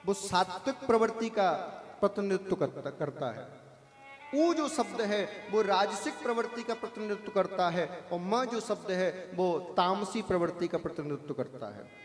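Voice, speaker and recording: High-voiced man preaching in an echoey hall. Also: animated, soft background music. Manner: chants drawn-out Om between explanations; asks the audience questions and answers them. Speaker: spiritual preacher. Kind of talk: devotional discourse to an audience.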